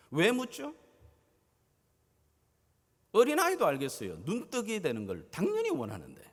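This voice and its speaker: A man preaching a sermon as pastor, dramatic, swinging his loudness and pitch as he acts out scenes. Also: in a large hall. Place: church sanctuary.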